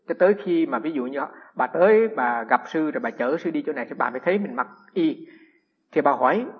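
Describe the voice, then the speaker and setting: Husky monk, echoey hall. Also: male voice, on the high side. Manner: lively anecdotes with frequent restarts. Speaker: Buddhist monk giving a dharma talk. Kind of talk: humorous storytelling sermon. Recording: echoey hall, dull lo-fi sound.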